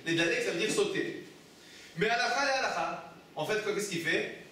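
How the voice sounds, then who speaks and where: Recorded from a distance in an echoey room with slight background noise, a rabbi leads a Torah class in a high-sitting, bright, forceful voice. He speaks expressively at normal speed, asks his students questions then answers them himself, and explains texts through repeated phrases and restarts.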